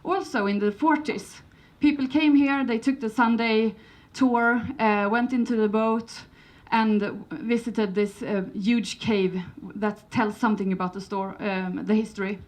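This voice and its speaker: A Swedish woman presents at a conference in English, with a Swedish accent and a high-leaning, steady, somewhat dark voice. She speaks a little slowly with few pauses, though she's hesitant, relying on many fillers and restarts, and adds light humour.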